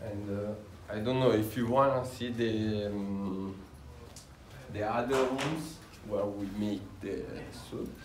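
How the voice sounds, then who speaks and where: A young man with an Italian accent gives a casual tour of his tailoring workshop, pausing often with "uh" fillers, recorded on a visitor's handheld camera in an indoor workshop. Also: lowish voice, steady tone, noisy background. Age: young adult. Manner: halting, with frequent "uh" fillers. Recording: roomy workshop, faint ambience.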